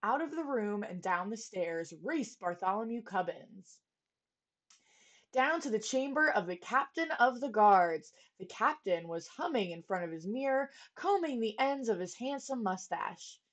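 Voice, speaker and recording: Lively woman reading a storybook to kids. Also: medium pitch. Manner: expressive, pausing to explain to kids. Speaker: children's storyteller. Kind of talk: reading a storybook aloud to children. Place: home studio.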